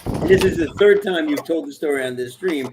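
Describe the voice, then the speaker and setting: A man's voice: a little high, fairly quick. A man chatting casually on a stream, teasing and sarcastic in a dry way. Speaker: stream co-host. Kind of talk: casual chat. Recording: noisy background hiss.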